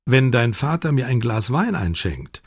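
A man voicing a calm, matter-of-fact middle-aged mother who talks briskly. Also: mid-range voice, breathy edge, voice pushed up, heavily acted.

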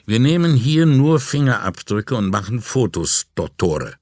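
A man's voice: medium pitch, very animated, a little slow, darkish tone, dry recording, clean studio sound, pitched above the performer's own voice. A man voicing a stiff, dutiful male police forensics chief in an audiobook, speaking formally and with reserve.

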